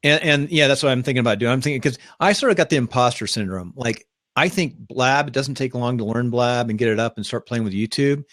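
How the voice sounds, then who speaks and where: A man's voice: mid-range voice, a little fast, fairly bright tone, no room sound, clean studio sound. Rambling upbeat male show host. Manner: rambling, upbeat, self-promoting. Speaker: podcast host. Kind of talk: casual live-stream chat.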